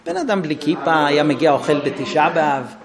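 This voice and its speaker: The parenting lecturer here is a man with a fairly high pitch, addressing a group informally as a crowd sounds in the background. He brings his stories to life, voicing both parent and child in acted dialogues.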